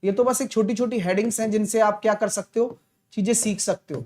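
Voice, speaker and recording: A male maths teacher with a sore throat, giving a live online class in a soft voice and clearing his throat often. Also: sits high, fairly even intonation, fairly quick. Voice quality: clears throat often, talks softly to spare it. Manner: chatty, teasing, answers viewers' comments.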